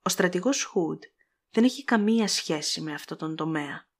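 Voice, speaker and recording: A woman's voice: on the low side, lively intonation, husky. A woman voicing an earnest, well-meaning middle-aged man who explains things with mild reproach in an audiobook.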